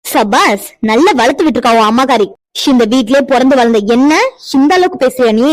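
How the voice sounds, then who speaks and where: A woman voicing a harsh, scornful older widowed mother-in-law in a cartoon, loud and insulting. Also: high-pitched, lively intonation, a little fast, no room sound, low-quality recording. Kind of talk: cartoon voice acting.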